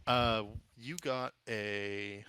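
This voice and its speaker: A man acting as game master, improvising descriptions for a tabletop game in a halting, descriptive way. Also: fairly low pitch, fairly even intonation, sharp tone, smooth, no room sound.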